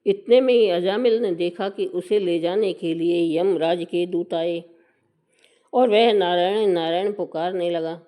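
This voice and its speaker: A woman narrating a devotional scripture story in a slow, measured recitation. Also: fairly low pitch, steady tone, dark tone. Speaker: religious storyteller.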